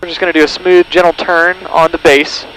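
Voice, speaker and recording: A man's voice: a little high, flat delivery, a little fast, a bit bright, clean tone. A man talking like a pilot over the radio, giving step-by-step instructional commentary from a small plane's cockpit through a headset. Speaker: pilot demonstrating pattern work. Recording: noisy aircraft cockpit headset radio audio. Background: engine drone and radio noise.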